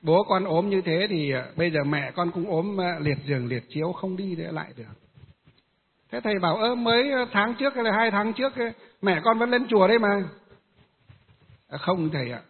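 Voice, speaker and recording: A Buddhist monk telling a long story in a rambling, halting way, with many filler pauses. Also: male voice, high voice, husky. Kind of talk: storytelling Dharma talk. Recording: tinny phone-like sound with long reverb.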